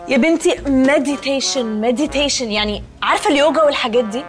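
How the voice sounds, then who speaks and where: An actress with an Egyptian Arabic accent plays a sitcom character, a fussy, pretentious young woman who drops English words into her speech. Her high voice is expressive and rapid-fire, and her mood is snooty. Faint music plays in the background.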